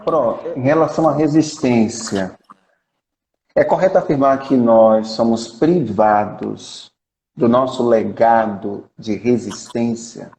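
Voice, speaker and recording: A man's voice: medium pitch, slow, creaky, darkish tone, roomy sound, slight background noise, rough recording. A man interviewing a teacher, asking formal questions and giving short affirming replies.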